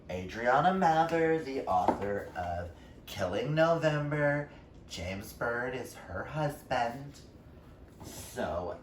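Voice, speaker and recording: Recorded from a distance, this medium-pitched man is a vlog book reviewer talking casually to his viewers. He gushes about books with real emphasis, and the echoey room carries a faint hum of background noise.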